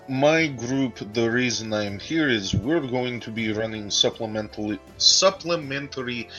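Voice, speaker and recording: A man's voice: mid-range voice, pushed and bright, rough recording. A man speaking in character as a player in a tabletop game, formal and a bit hesitant. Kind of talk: in-character tabletop role-play.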